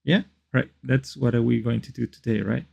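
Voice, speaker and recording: A man who is not a native English speaker, giving casual live stream commentary and thinking aloud in a halting, repetitive way. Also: mid-range voice, steady tone, gravelly, a little mellow, husky. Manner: halting, repeats phrases and questions to himself. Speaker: streamer reacting to a video.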